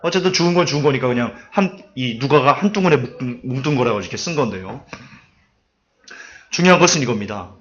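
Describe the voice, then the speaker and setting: A man's voice: mid-range voice, fast talker. A man preaching a sermon, telling stories and acting out quotes to make his points. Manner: lively storytelling with acted-out quotes and asides. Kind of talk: sermon lecture. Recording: dull lo-fi recording.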